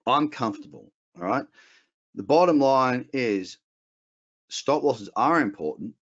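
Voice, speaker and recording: Australian male educator, casual webinar delivery, blunt and rambling, mid-pitched voice on dull lo-fi sound. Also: lively intonation, unhurried, a bit bright. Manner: rambling, blunt, frequent restarts. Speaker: trading educator.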